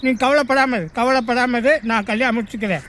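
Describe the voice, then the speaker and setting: A man's voice: very high-pitched, fast, fairly bright tone. An actor playing a cheeky young village man in a film drama, teasing and cheerful.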